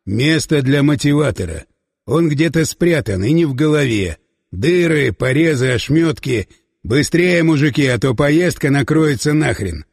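A gruff commander barking short, shouted orders, as a male audiobook narrator puts him on. The voice sits lower than the narrator's own and has a husky grain. A long reverb tail trails behind each command. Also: lively intonation, unhurried, clean studio sound, full character voice. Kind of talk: audiobook character voice.

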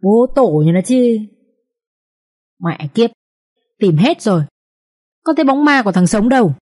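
Rough village patrolmen shout and swear as they hunt a thief, as a woman reader puts them on. The voice is pushed higher and louder, though still mellow at its core. It comes from a storybook reading. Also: big pitch swings, a little slow. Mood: cursing.

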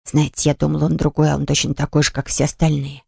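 A woman voicing a shy, apologetic young shop assistant who speaks low and timidly. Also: level tone, unhurried, dry recording, clean studio sound, lightly acted. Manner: timid, hushed.

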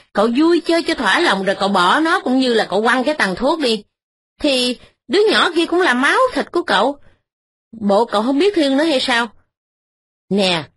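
A woman's voice: on the high side, a bit bright. Give me a woman voicing a stern, indignant poor brother. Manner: lecturing, reproachful.

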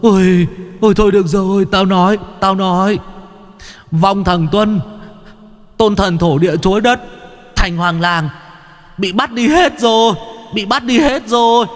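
A man voicing a cowardly, greedy male one-eyed hungry ghost who whines and pleads in a high, strained voice. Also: unhurried, long pauses, big-room sound. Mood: wailing, begging.

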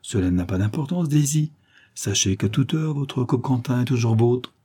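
A man voicing a gallant, excitable male detective. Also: medium pitch, moderate pace, husky, natural voice. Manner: effusive, flowery courtship. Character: amorous middle-aged male private detective, gallant and excitable.

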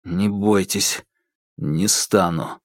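A man reading an audiobook, voicing a shaken young man who speaks in a subdued, halting way. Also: medium pitch, expressive, no room sound, clean studio sound.

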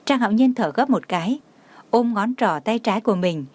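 A woman narrating an audio novel in a steady, even reading. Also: on the high side, brisk.

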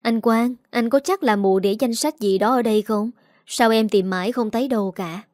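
A woman voicing a young pregnant daughter-in-law who is sly and bitter, speaking with sharp contempt. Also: fairly high pitch, normal speed, no echo, studio quality, close to an everyday voice. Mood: impatient. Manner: pleading at first, later hissing with contempt.

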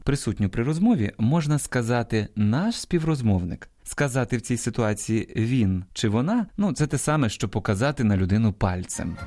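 Man giving a lively radio language talk. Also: medium pitch. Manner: explanatory, measured, stressing example words. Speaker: radio presenter. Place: radio studio.

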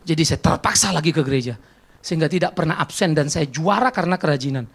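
A man preaching a sermon as a pastor, telling stories and personal confessions, swinging between loud exclamations and quiet reflective passages. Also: fairly high pitch, expressive, quick pace, creaky, husky.

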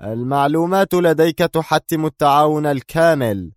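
A man's voice: medium pitch, brisk, no room sound, studio quality, voice pushed up, lightly acted. A man voicing a curt, firm spy. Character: cold, firm male American intelligence agent.

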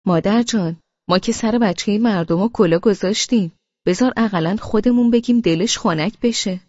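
A woman reading an audiobook and voicing a teasing young man who speaks in loud, mocking banter, raised above her usual voice. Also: mid-range voice, no room sound, highs cut off, pitched above the performer's own voice, natural voice. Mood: joking.

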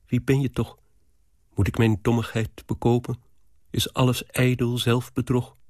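A man reading aloud as a lovesick, anxious young woman, in a low, earnest, pleading tone. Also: flat delivery, a little slow, darkish tone, dry recording, clean studio sound, close to an everyday voice.

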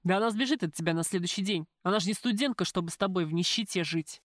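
A woman voicing a domineering middle-aged father in an audiobook, gruff and commanding as she scolds his son. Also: lowish voice, fast, no echo, clean studio sound, close to an everyday voice. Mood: mocking, bossy.

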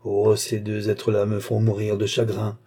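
A man reading aloud voices a haughty, excitable noblewoman, a countess who scolds in shrill, imperious outbursts. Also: normal speed, breathy edge. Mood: indignant.

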